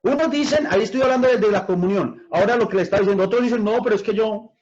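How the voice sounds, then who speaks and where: A man with a notably high voice teaches scripture as a pastor, calling his listeners brothers and putting questions to them. He drags out key words slowly to press a point. The recording sounds dull and lo-fi. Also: a little mellow. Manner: addresses listeners directly as brothers, asks questions.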